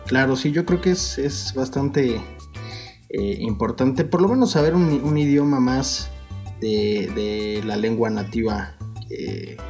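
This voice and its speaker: Male podcast co-host, Mexican accent, slangy and sweary, jokey delivery, mid pitch, light music bed. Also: a little mellow. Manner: crude, slangy, joking, swears constantly. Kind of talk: casual chat.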